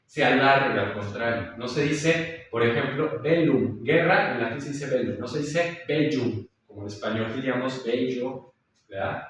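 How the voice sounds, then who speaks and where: A man's voice: medium pitch, normal speed, fairly bright tone, slight background noise. A man teaching a course on Latin pronunciation, explaining patiently, repeating sounds and checking in with his listeners. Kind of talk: recorded course lecture. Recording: echoey room, voice far from the mic.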